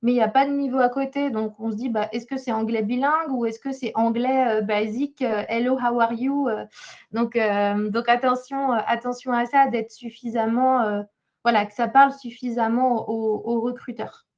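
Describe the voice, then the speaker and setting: Woman job coach reviewing a CV in a webinar, talking hesitantly with many fillers, a fairly high voice, and a muffled lo-fi sound. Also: fairly even intonation, normal speed, a little mellow. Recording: slightly dull lo-fi sound.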